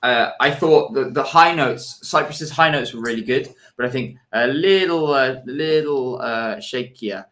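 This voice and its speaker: A man's voice: medium pitch, fairly bright tone. Tired, hesitant male stream co-host. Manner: measured, hesitant, many fillers. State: tired, yawning. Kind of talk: casual live-stream commentary.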